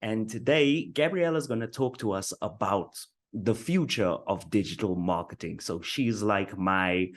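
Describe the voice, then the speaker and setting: A man with a lowish, expressive voice hosts a casual marketing interview, speaking at normal speed with few pauses. He's upbeat, builds up his guest, and often fumbles his words.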